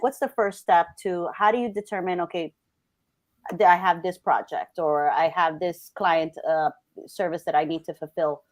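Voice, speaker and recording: Chatty woman from Colombia hosting. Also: lowish voice. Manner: chatty, upbeat, restarts often. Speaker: host. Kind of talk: casual live-stream interview.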